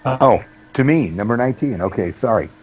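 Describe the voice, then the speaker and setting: A man co-hosting a casual music podcast, talking in a thoughtful, measured, somewhat hesitant way. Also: mid-range voice, animated, a little mellow, slightly rough. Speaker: podcast co-host. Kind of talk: casual chat. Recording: dull lo-fi audio.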